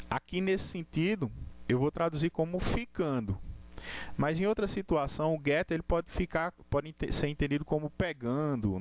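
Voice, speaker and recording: A man's voice: mid-range voice, a little mellow. A man teaching an English class live online, explaining step by step with frequent tag questions and restarts.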